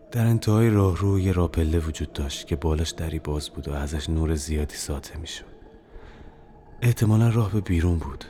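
A man's voice: very deep voice, warm tone, slight background noise. A young man narrating his own horror audio novel in the first person, with dramatic, tense storytelling. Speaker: narrator and author.

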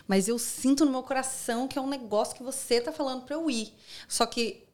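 Lively Brazilian woman telling a story. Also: high-pitched, fairly quick. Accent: Brazilian Portuguese. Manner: lively, slangy, acts out quoted lines. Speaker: podcast guest. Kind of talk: casual interview storytelling.

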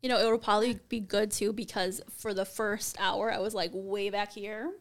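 A woman guest chatting casually on a podcast, with constant vocal fry and an animated, laughing manner. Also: medium pitch, normal speed.

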